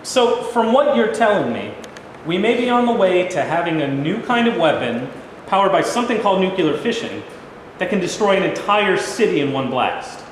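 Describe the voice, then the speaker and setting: A man playing a blunt, exasperated American president in a staged play reading, with deliberate, emphatic delivery, recorded in an echoey hall. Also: high-pitched, sing-song. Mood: weighing, concerned. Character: President Truman, blunt, exasperated newly informed American leader. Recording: very echoey hall, faint noise.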